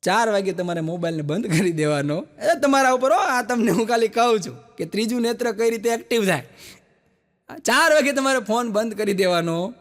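High-voiced Gujarati comedian telling jokes. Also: male voice, animated, brisk. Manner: chatty storytelling with asides to the audience. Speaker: stand-up comedian. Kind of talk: Gujarati stand-up joke telling. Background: audience laughter.

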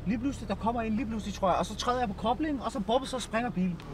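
A man's voice: sits high, a crowd in the background. A young man hosting a vlog from inside a car, joking and teasing in brash, slang-heavy casual talk. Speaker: vlogger host. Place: inside a car at a drive-through attraction. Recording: noisy in-car recording.

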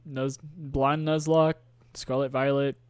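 A man's voice: medium pitch, flat delivery, slow, a little mellow, clean tone, no echo. A young man co-hosting a game stream, chatting playfully and joking around. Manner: playful, jokey, breaks into silly voices. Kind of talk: casual gameplay commentary.

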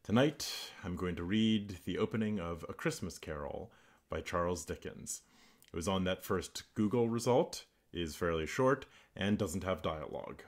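A man with a very low, deep voice speaks in an announcer-style delivery. He talks casually into a laptop microphone, then moves into a dramatic reading as a self-taught voice actor. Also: moderate pace. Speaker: amateur voice actor.

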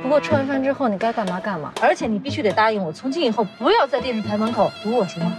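A woman's voice: a little high, expressive, very fast, lightly acted. An actress in her thirties playing an exasperated, guarded professional woman in a screen drama, speaking in a reluctant, matter-of-fact way. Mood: resigned, firm. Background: background music.

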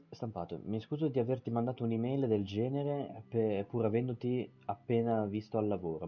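A man's voice: fairly low pitch, muffled recording. A man streaming a game, swearing casually and stumbling as he reads in-game texts aloud. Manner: swears casually, stumbles over words while reading. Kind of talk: live gameplay commentary and reading in-game texts aloud.

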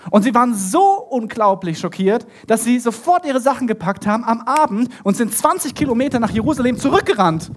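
A man's voice: extremely high pitch, animated, a little fast, hardly any pauses. A man preaching a sermon, retelling a story with animation and speaking directly to his listeners. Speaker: pastor.

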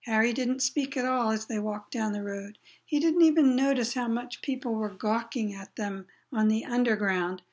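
A woman's voice: a little high, moderate pace, few pauses, a little mellow. A woman reading a children's novel aloud, plain storytelling with brief asides to listeners. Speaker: reader.

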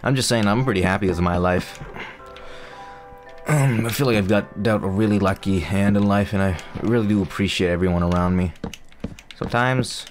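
His fairly low voice moves at normal speed over soft background music. The young gaming YouTuber, who isn't a native English speaker, chats loosely about his game, rambling and self-mocking, with many fillers and restarts.

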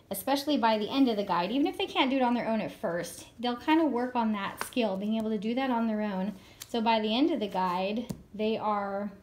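Hoarse from a cold, a chatty woman reviews homeschool curriculum books in a casual show-and-tell, enthusiastic and full of fillers. Her voice is a little high with a darkish tone, and she's filming in a home room that has a world map.

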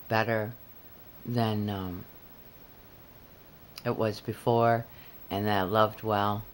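A middle-aged woman with a smoker's rasp, talking casually and plainly to a camera on the couch, with a joking way. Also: very deep voice, slight background noise. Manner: slow, plain-spoken, joking. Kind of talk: casual personal talk to camera. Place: indoors on a living-room couch.

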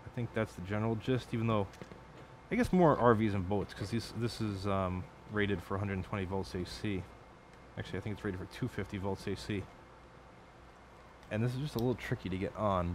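A man's voice: lowish voice, fairly quick, slight background noise. A man talking casually while building an electronics project at his home workbench late at night, rambling, swearing and correcting himself. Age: adult. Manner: rambling, profane, self-correcting. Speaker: electronics hobbyist streamer.

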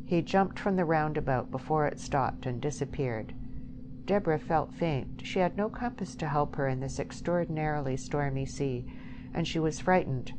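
A woman reading a novel aloud as an audiobook narrator, in a measured, even way. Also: low-pitched. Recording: steady background hiss.

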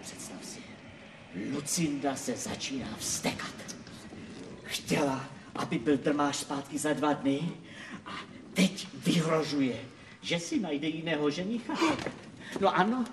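A man's voice: a little high, far from the mic, background noise, natural voice. A man playing a fretful lord of hell.

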